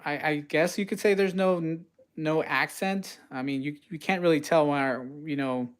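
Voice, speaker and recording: Male live-stream cooking host, West Coast, slightly higher voice, loose and chatty with filler words. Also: normal speed. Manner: casual, rambling, many uhs, reads viewer comments aloud.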